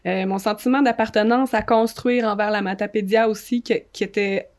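A young woman with a Quebec French accent speaks as a guest on a talk show. She reflects slowly and thoughtfully, with hesitant pauses and fillers, at a middle pitch. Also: steady tone. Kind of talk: reflective personal testimony.

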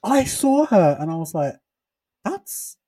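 A man's voice: on the low side, very animated, a little fast, darkish tone, slightly rough, no echo. A young man, co-hosting a podcast in sassy, opinionated chat. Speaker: podcast co-host. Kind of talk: casual chat.

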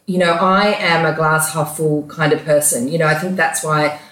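A woman's voice: deep voice, fairly even intonation, moderate pace, a bit bright. A woman spiritual coach telling her story earnestly as an interview guest. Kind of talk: interview conversation. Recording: roomy echo.

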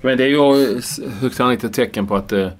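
A man in casual sports chat, rambling with restarts and playful mock shouts. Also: mid-range voice. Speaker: podcast co-host.

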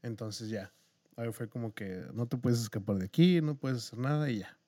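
A young man with a Mexican Spanish accent, co-hosting a podcast and recalling his school days in a relaxed, casual way. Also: medium pitch, normal speed. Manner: relaxed, laughs while recounting. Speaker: podcast co-host. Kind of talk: casual storytelling chat.

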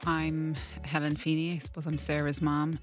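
A woman's voice: low-pitched, flat delivery, moderate pace, soft background music. A middle-aged woman, telling a story casually as an interviewee.

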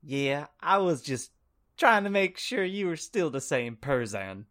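A man voicing a whiny, whimpering emo young man in a very high, squeaky put-on voice, for a comic reading. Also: big pitch swings, unhurried, a bit bright.

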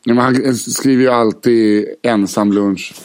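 A man's voice: mid-range voice, fairly even intonation, darkish tone, clear, resonant tone. Young man, podcast co-host, teasing and laughing, loose casual banter. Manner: joking, laughs often, swears casually. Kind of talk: casual chat.

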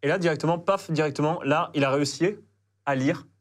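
A man appearing as a guest cybersecurity expert. He gives relaxed, casual explanations with lots of hesitation fillers. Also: a little high, fairly quick. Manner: laid-back explainer, many fillers.

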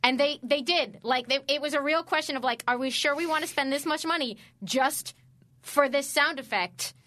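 A woman co-hosting a comics podcast, chatting casually and excitably, rambling through quick tangents. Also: sits high, no echo. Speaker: podcast co-host. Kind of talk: casual chat.

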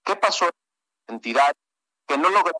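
A man files a news report by phone while the call breaks up and drops out. His voice is bright and dry, and he halts and restarts around fillers as the line cuts. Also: on the high side, animated, dry recording. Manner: hesitant, halting delivery with fillers. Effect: phone call breaking up and cutting out. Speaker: field reporter.

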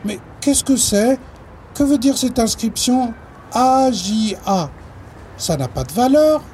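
A man voicing an excitable young boy who scares easily, in a storybook reading. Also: extremely high pitch, a little hiss or hum, pitched above the performer's own voice, full character voice. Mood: excited. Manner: excitable, quick to worry. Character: eager boy visiting from elsewhere, easily scared. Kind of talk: storybook narration.

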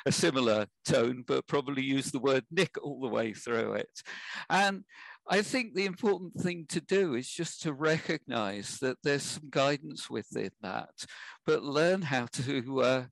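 A man, speaking as an interview guest who offers life advice in a measured, emphatic way. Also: mid-range voice, gravelly, no echo, poor audio. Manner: measured, advisory, emphatic at key points. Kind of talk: casual interview.

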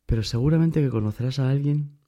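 In a quick, dark-toned voice of medium pitch, a man tells a personal story as a casual monologue. He is emphatic and speaks straight to the listener.

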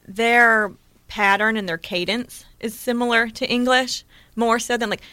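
A woman's voice: on the high side, fairly even intonation, unhurried, pushed and bright, clean tone, no room sound. A woman co-hosting a podcast, chatting casually and musing aloud with many questions. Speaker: podcast co-host. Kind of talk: casual chat.

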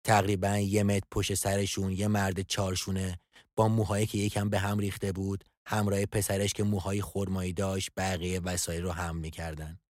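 A man narrating a scripted audio drama in a calm storytelling delivery. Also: sits low, no room sound. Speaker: narrator and writer of a podcast drama. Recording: dry studio voice with soft music.

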